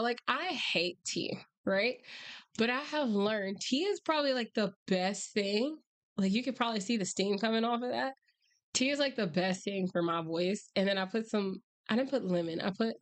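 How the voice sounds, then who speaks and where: A woman livestream host chatting casually and rambling wryly, her voice hoarse, strained and breaking from being sick. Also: medium pitch. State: hoarse, voice nearly lost from illness. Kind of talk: casual livestream chat with viewers.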